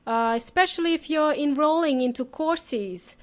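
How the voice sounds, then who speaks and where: A woman with a voice that sits high speaks at a moderate pace in a relaxed English lesson. As a podcast host and teacher, she chats with learners directly, explaining simply and repeating herself.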